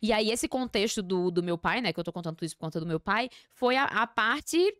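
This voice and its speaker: A woman's voice: medium pitch, animated, a little fast, fairly bright tone, dry recording, studio quality. A Brazilian woman talking as a podcast guest, telling a personal story expressively, with lots of slang and fillers. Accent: Brazilian Portuguese. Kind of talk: casual chat, personal storytelling.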